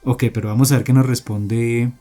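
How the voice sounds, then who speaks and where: Tutorial host: man, relaxed mellow tone, explains coding steps patiently with fillers, soft music under. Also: mid-range voice, normal speed. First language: Spanish. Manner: explanatory, steady, with frequent fillers and restarts. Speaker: programming tutor. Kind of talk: screen-recorded coding tutorial.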